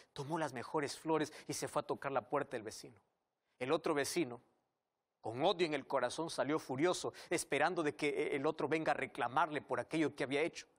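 An earnest male preacher giving a devotional sermon, telling stories and speaking directly to the listener. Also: mid-range voice.

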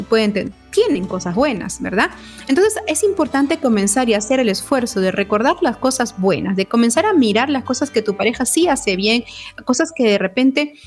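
Woman psychologist giving relationship advice. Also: medium pitch. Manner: warm explanatory, frequent check-in questions.

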